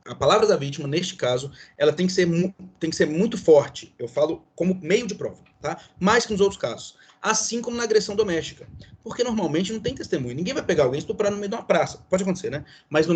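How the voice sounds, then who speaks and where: A man's voice: fairly high pitch, a little mellow, husky. A man from Brazil with a Brazilian accent, giving a classroom law lecture as professor, explaining with many fillers and tag questions. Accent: Brazilian Portuguese.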